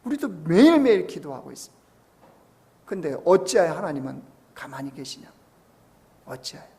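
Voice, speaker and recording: Gravelly-voiced male pastor preaching. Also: fairly high pitch, sing-song, normal speed. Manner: rhetorical questions to the congregation; shifts between soft hushed asides and raised emphatic lines. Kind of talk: Sunday sermon.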